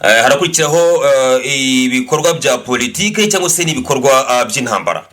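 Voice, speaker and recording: Fast-talking male interpreter. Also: medium pitch, expressive, noisy background. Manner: brisk, restates each answer in turn. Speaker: interpreter and channel host.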